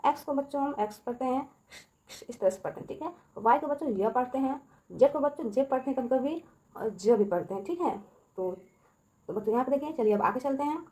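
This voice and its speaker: A woman's voice: high-pitched, a little fast, mellow. Woman teacher in an echoey room. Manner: addresses kids repeatedly, checks with "ठीक है" and quiz questions. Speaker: English teacher. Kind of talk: Hindi classroom-style video lesson.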